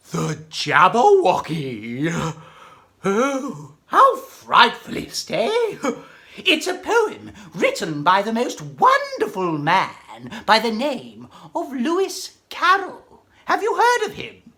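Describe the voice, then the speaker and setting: A woman playing a zany, excitable Mad Hatter in a theatrical children's monologue, whimsical and exclamatory, chatting to young listeners. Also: fairly high pitch, slow pace, full character voice. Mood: mock scared, confiding. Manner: whimsical, exclamatory, giggles at own jokes, chatty with audience. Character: zany, giggling, excitable Mad Hatter telling silly jokes. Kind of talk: theatrical children's character monologue and poem recital.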